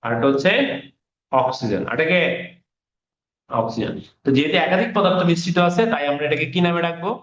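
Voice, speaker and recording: A man teaches an online class in a slightly high voice, repeating key terms and pausing to quiz his students. The sound is roomy and dull, with a faint hiss behind it. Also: animated, a bit bright.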